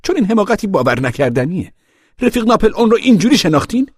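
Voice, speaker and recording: A man's voice: mid-range voice, big pitch swings, mellow, breathy edge, no room sound, clean studio sound, voice pushed up. A man putting on a sly, wheedling pig. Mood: scolding. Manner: theatrical, falsely mournful then scolding. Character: sly male pig propagandist, smooth liar. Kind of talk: audiobook character voice.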